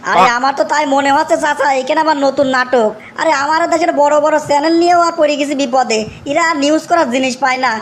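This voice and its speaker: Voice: high-pitched, steady tone, fast talker, few pauses, slight background noise, natural voice. A performer voicing an exasperated young village nephew in a comic cartoon, whining and repeating complaints. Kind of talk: comic cartoon dialogue, rustic dialect.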